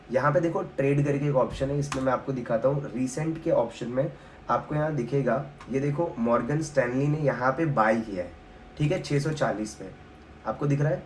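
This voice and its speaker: A man's voice: medium pitch, darkish tone, slight background noise. A man with an Indian accent walking through a stock analysis on screen, talking casually and checking in with his viewers again and again. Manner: casual, explanatory, repeats filler tag often. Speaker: stock market educator.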